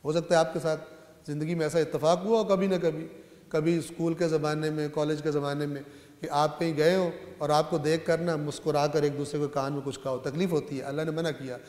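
A man preaching a sermon to a gathered audience, explaining scripture. He swings between loud, rising recitation and quiet, low asides, and often checks that his listeners are following. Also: level tone. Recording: echoey hall with long reverb.

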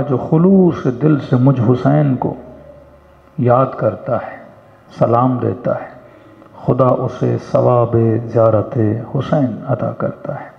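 A man preaching an impassioned sermon, telling a story and raising his voice high for emphasis. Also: vocal fry. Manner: impassioned, rising to high emphatic pitch on quotes. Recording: echoey hall, phone-like narrow sound.

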